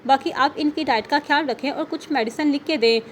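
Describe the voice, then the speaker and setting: A woman narrating an audio novel in a steady storytelling manner. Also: high-pitched, a little fast, a little hiss or hum.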